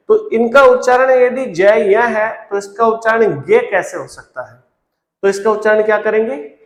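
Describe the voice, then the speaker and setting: A man's voice: sits high, roomy sound. A man teaching Hindi grammar in a lesson video, repeating key terms and quizzing his viewers with questions. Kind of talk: classroom-style lesson to camera.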